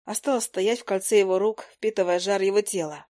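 A woman's voice: medium pitch, fairly even intonation, a little fast, mellow. Woman narrating an audiobook. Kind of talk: scripted first-person narration.

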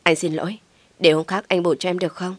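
A flustered young husband caught out, pleading and stammering in a sheepish tone, as a woman reader puts him on. The voice sits low for a woman and sounds close and dry. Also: flat delivery, quick pace, no echo, natural voice.

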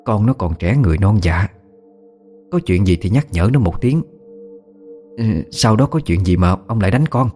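A man's voice: lowish voice, lively intonation, moderate pace, pauses often, a little mellow, faint music behind, close to an everyday voice. A man voicing a worried middle-aged mother who begs her husband and questions her son. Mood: pleading. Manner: begging, soothing.

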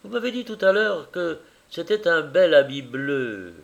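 A man's voice: on the high side, big pitch swings, measured pace, gravelly, pitched above the performer's own voice, exaggerated voice. A man reading aloud, voicing a young blind daughter who speaks with tender delight. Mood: joyful.

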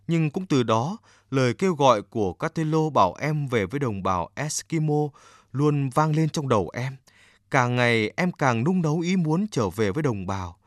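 Lively male storyteller, dry sound. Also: mid-range voice, dry recording. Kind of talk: storybook narration. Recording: dry close mic with faint music.

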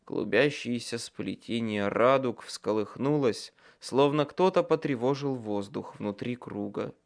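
Brief: male audiobook narrator, mid-pitched voice, tense and dramatic first-person read. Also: vocal fry.

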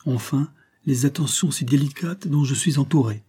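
A man voicing a gentle, melancholy young mother in an audiobook, speaking softly and modestly. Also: medium pitch, moderate pace, breathy edge, pitched above the performer's own voice, natural voice. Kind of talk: audiobook character voice.

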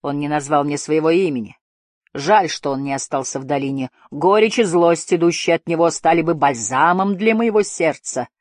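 A woman's voice: deep voice, normal speed, a little mellow, no room sound, studio quality, lightly acted. A woman reading the part of a cold, scheming old male guardian who drawls and hisses his words. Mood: cold mocking. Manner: hissing, drawling, menacing.

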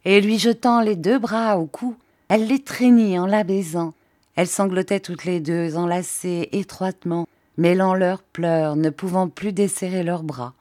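Slow, mellow woman reading a novel. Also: on the low side, no room sound, clean studio sound. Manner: measured, even reading. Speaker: audiobook reader. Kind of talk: literary audiobook narration.

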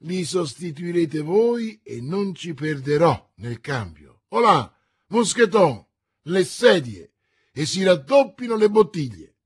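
A hearty, boastful musketeer who bellows his lines with a husky, raised voice, as a male reader puts him on. Slow, swelling delivery in a storybook reading. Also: fairly high pitch, expressive, heavily acted. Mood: boisterous. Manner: loud, exclamatory, raised voice.

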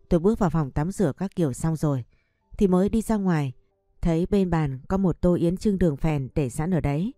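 A young woman narrating a first-person audiobook story in a steady, even way. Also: lowish voice, dry recording, clean studio sound.

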